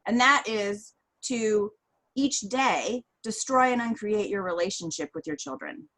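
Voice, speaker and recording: A woman's voice: on the high side, animated, measured pace, gravelly, a bit bright, poor audio. A woman co-hosting a casual podcast, summing up points and giving parenting advice. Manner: sums up points and gives advice. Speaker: co-host.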